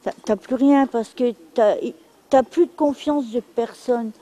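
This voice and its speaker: Blunt Frenchwoman, mellow voice. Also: a little high, unhurried, poor audio. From France. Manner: blunt, repetitive, emphatic. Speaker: interviewee. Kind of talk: candid testimony.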